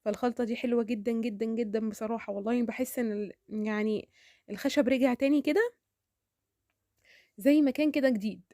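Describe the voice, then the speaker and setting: A woman with an Egyptian accent chatting to her viewers as a home vlogger, talking fast with prayers and laughs. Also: on the high side, fairly even intonation, no room sound, clean studio sound. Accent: Egyptian Arabic. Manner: rapid, warm-hearted chatter with prayers and frequent laughs.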